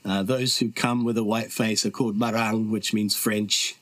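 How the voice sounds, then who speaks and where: A middle-aged man from New Zealand speaks at a moderate pace in a fairly low, slightly bright voice with flat delivery and no room sound. He is a podcast guest telling casual stories, earnest and reflective, with frequent fillers.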